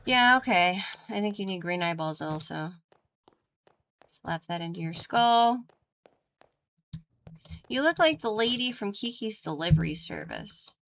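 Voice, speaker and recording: A woman's voice: medium pitch, animated, measured pace, pauses often, fairly bright tone. A woman giving casual, playful video game commentary, chatting to the characters as she plays. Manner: playful, talks to the dolls.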